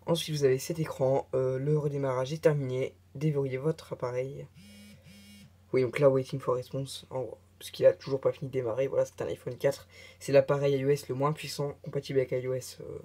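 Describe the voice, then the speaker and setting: Hesitant man with a mellow voice. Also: medium pitch, flat delivery, brisk. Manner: hesitant, many filler sounds, chatty asides. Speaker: tech tutorial presenter. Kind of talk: casual screen tutorial narration.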